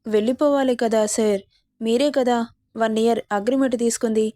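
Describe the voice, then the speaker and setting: A woman's voice: fairly high pitch, steady tone, normal speed, mellow, no room sound, studio quality, close to an everyday voice. A woman voicing a shy, respectful young heroine answering her employer in a romance story. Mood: timid. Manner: polite, respectful.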